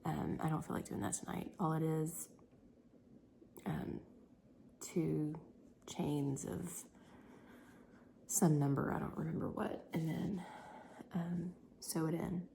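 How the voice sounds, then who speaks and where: A tired woman vlogging her day as a crochet business owner and homeschooling mom, whispering softly and rambling with lots of ums late at night at home. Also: deep voice, fairly even intonation, slow, gravelly, long pauses, slight background noise, poor audio.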